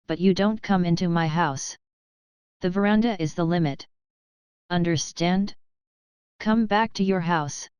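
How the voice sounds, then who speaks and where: A woman's voice: lowish voice, a little mellow, smooth, no echo, close to an everyday voice. A woman voicing a proud male house cat who talks in a blunt, scolding way. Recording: dull, muffled sound.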